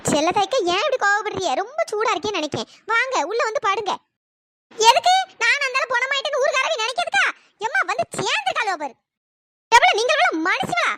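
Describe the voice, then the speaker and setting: A woman doing a shrill, wailing village mourner. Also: animated, fast, no room sound, heavily acted. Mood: scolding. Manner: wailing lament, then sharp scolding. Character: loud middle-aged village woman mourner turned scold. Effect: pitch-shifted voice. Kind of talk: cartoon voice acting. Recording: noisy pitch-shifted recording.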